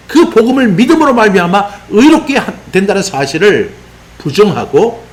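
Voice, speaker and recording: A man preaching an expository sermon as a pastor, animated and sometimes shouting out rebukes. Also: high voice. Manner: animated, voices apostle's rebukes in raised exclamations.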